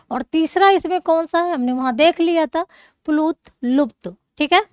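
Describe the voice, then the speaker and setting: High-voiced woman teaching grammar. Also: no echo, clean studio sound. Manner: explanatory, often checks with "theek hai". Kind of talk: classroom lesson.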